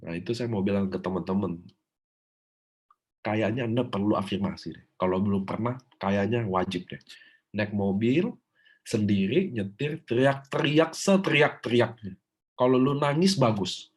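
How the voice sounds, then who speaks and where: A man giving a preachy, animated motivational training talk to his team. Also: lowish voice, moderate pace, husky. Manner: preachy, animated, shouts example affirmations. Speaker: business trainer.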